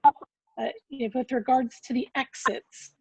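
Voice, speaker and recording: Her voice sits high, unhurried and breathy, with a dry recording. An agency member at a public meeting, she delivers a formal point-by-point report with fillers over group voice chat from a computer mic, the dull lo-fi connection cutting in and out.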